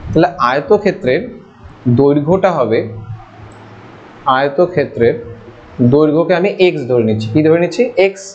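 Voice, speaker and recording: A man's voice: a little high, animated, moderate pace, long pauses, a little mellow. A man teaching an online maths lesson over slides. He talks informally, asking his students questions and answering them himself. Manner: informal, addresses students with familiar forms. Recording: dull lo-fi audio.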